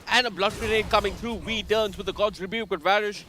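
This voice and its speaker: A male esports caster with a bright, forward voice pitched a little high. He calls the action eagerly, jumping on each play as it happens. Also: slight background noise. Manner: excitable, quick reactions to plays. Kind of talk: live play-by-play commentary.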